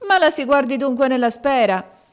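A woman's voice: mid-range voice, animated, brisk, lightly acted. A woman reading an audiobook, voicing a brash, mocking maidservant of fifty who talks impatiently and brusquely.

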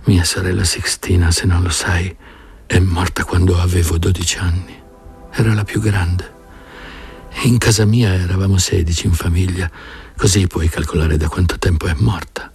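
A man voicing a weary old village woman who speaks slowly in a hushed, confiding way in an audiobook reading. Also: sits low, gravelly.

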